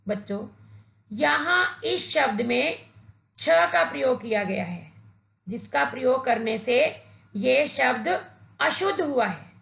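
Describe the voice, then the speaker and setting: Slow, gravelly-voiced woman teaching children. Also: high-pitched, lively intonation, fairly bright tone, echoey room. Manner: patient, instructive, addresses children directly. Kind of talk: slow, deliberate Hindi grammar lesson for children.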